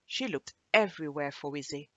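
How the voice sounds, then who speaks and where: A woman reading a children's storybook aloud in a gentle, expressive way. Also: low-pitched, a little fast, no echo, muffled recording.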